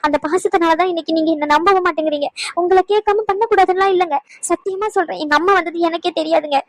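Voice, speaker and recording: A woman's voice: high-pitched, little pitch movement, fast, dry recording. An actress playing an anxious young wife who pleads and apologises to her husband. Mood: pleading. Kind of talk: Tamil family drama acting.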